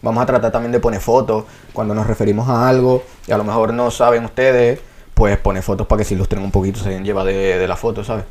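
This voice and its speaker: A man's voice: on the low side, quick pace. A young man with a Venezuelan accent co-hosting a casual chat, talking animatedly with many restarts and questions. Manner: animated, hesitant restarts, asks the others questions. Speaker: podcast co-host.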